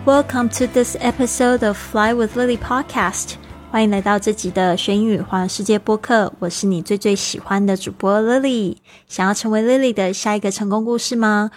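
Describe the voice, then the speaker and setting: Woman in her forties teaching English. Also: medium pitch. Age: 40s. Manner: explains pronunciation step by step, mixing Chinese and English. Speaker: podcast host and English teacher. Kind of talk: podcast English lesson.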